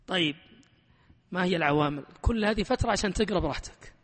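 A man teaching a grammar lesson, animated and emphatic, who keeps quizzing his class. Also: high-pitched, fast talker, long reverb tail.

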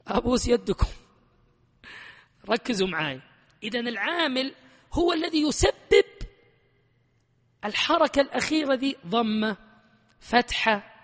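A man teaching a grammar lesson, animated and emphatic, who keeps quizzing his class. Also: very high-pitched, long reverb tail.

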